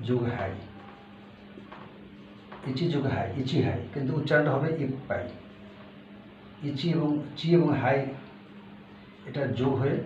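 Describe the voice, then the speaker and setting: A man teaching a language lesson, explaining step by step and repeating each word slowly, with fillers. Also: medium pitch, a little mellow. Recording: echoey room, far from the mic, dull with faint hiss.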